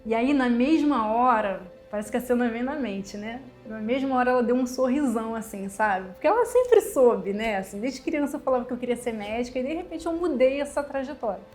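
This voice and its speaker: A woman's voice: on the high side, expressive, fairly quick, few pauses, darkish tone, soft background music. Heartfelt Rio-woman in her forties. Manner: heartfelt storytelling, quotes family, tag questions like "sabe?" and "né?". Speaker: medical doctor telling her life story. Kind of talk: personal testimony.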